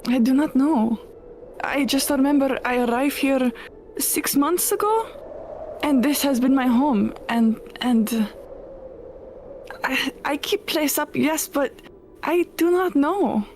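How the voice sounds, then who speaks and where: A woman's voice: high-pitched, slow, long pauses, darkish tone, a little hiss or hum, voice pushed up. A woman voicing a lonely, confused witch who lives in a tower, speaking in formal, clipped sentences that drop their articles.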